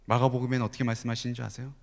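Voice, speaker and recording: A man preaching a sermon at a youth service, animated, with frequent rhetorical questions and occasional soft asides. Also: medium pitch, racing, vocal fry. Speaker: youth pastor. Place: large church sanctuary. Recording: long church hall reverb.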